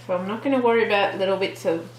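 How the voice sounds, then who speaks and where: A woman hosting a relaxed real-time colouring tutorial, chatting and thinking aloud with trailing restarts as she works. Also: mid-range voice, racing. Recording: roomy echo with faint background music.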